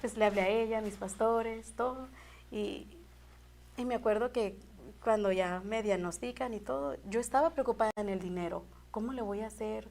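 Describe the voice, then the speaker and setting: A woman's voice: fairly high pitch, moderate pace, darkish tone, slight background noise. A woman telling an emotional faith testimony in an earnest, heartfelt way as a guest. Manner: earnest, heartfelt, repeats and restarts phrases.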